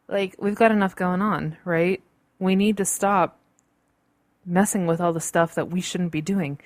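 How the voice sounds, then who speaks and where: A woman hosting her own podcast, talking in a bubbly, chatty way with big jumps in pitch, recorded at home. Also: dry recording. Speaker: podcast host. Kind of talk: casual solo podcast talk. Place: home in the city. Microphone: studio mic recorded on a computer.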